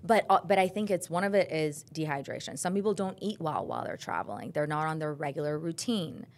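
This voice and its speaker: A woman's voice: low voice, animated, brisk. A woman doctor appearing as a podcast guest, explaining health matters in a plain, practical way. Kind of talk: casual interview chat.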